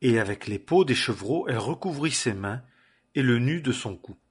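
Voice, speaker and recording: A man reading a Bible passage aloud in measured, solemn phrases. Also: mid-range voice, lively intonation, breathy edge. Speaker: scripture reader.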